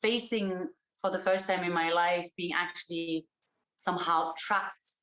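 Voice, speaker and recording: A woman's voice: lowish voice, fairly even intonation, a little slow, fairly bright tone, rough recording. A woman who grew up in Austria, an actress, talking thoughtfully in an interview. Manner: reflective, thoughtful, hesitant fillers. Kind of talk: casual interview chat.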